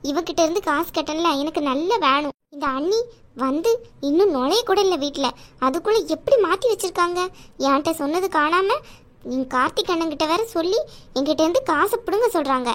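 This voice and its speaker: A woman's voice: very high voice, expressive, a little fast, a bit bright. A woman voicing a defensive younger sister in a cartoon, protesting and pleading. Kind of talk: animated cartoon voice acting.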